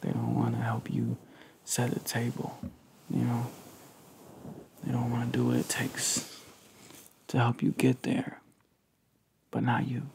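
Man acting tender pillow talk, creaky ASMR role-play. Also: slight background noise. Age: young adult. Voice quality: soft, breathy soft-spoken mixed with low murmur. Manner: intimate, affectionate pillow talk. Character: devoted, clingy, tender male lover at bedside. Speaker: ASMR creator. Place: living room couch, indoors.

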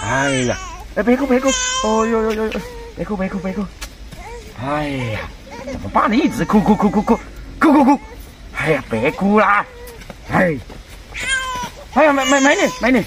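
A man acting a clumsy, nervous baby snatcher in a rural comedy skit, stammering and hushing a crying baby. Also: high voice, big pitch swings, normal speed, pauses often. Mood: flustered. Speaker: skit actor. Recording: distant mic, loud outdoor noise.

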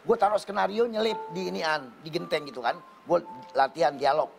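A man, telling a loud, laughing anecdote on a TV talk show and acting out the lines of the people in it. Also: a little high, fairly quick, vocal fry, over music. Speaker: guest comedian telling a story. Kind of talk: animated anecdote with acted-out quotes.

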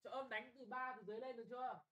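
A young man tutoring a class for an exam, brisk and bossy, often checking whether students follow and scolding them bluntly. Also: extremely high pitch, steady tone, sharp tone, highs cut off. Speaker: English tutor.

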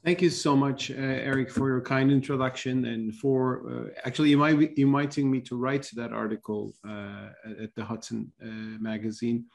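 A man's voice: mid-range voice, fairly even intonation, normal speed, vocal fry, few pauses. A middle-aged man from Turkey with a Turkish accent, speaking earnestly as a guest on a video call panel, often restarting his sentences. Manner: earnest, gestures with hands, frequent restarts. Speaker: guest commentator. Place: home office, indoors.

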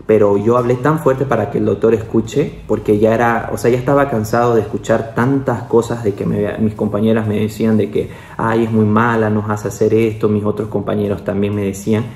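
A young man with a low, warm voice, chatting casually as he recounts a story to the camera. His speech is loose and conversational, full of small tag questions and asides. The sound carries a roomy echo. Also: flat delivery, brisk, few pauses. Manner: chatty, peppers speech with "¿no?" and "o sea"; acts out quoted voices, with the pitch jumping up. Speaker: doctor.

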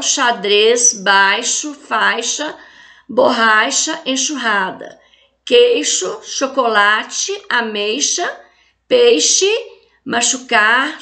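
A Brazilian woman teaching a recorded lesson for children, with a high voice that sits well above most women's. She takes her time, speaking slowly and patiently, and her tone is bright and a little sharp. She keeps checking in with the class to encourage them. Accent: Brazilian Portuguese. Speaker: primary school teacher.

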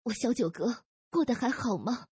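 An anxious young woman gang boss asks pleading questions in a high, breathy voice, as a man puts her on. Her tone is dark and husky, and her pitch swoops widely. She is a figure in a storybook reading. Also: expressive, normal speed, no room sound, studio quality, heavily acted.

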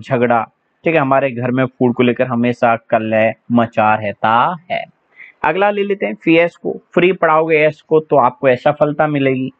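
A man teaching English vocabulary for exams in a chatty, joking way, spelling words out letter by letter. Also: mid-range voice. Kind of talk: exam-prep English vocabulary lesson. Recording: slightly dull lo-fi audio.

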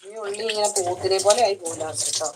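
A woman's voice: mid-range voice, fairly even intonation, fast, very noisy. A woman hosting a casual live stream from her kitchen, chatting and greeting viewers by name as she reads their comments. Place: home kitchen.

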